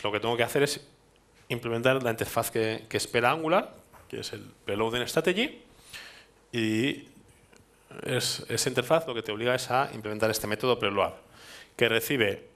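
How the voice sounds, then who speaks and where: In a darkened hall with an audience, a man in his thirties from Spain gives a technical meetup talk in a Spanish accent, thinking aloud with restarts and tag questions. His medium-pitched voice is gravelly yet fairly bright.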